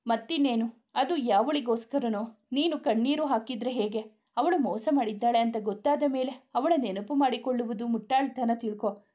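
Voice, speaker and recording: A woman's voice: a little high, normal speed, mellow, natural voice. Woman reading as a blunt caring student friend. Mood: firm. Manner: firm, scolding advice.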